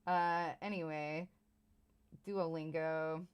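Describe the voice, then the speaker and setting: A woman in her thirties from Iowa, in the United States, speaks in a low, steady, resonant voice that is slow and clear. She chats casually with her livestream viewers, rambling and poking fun at herself while swearing and laughing often.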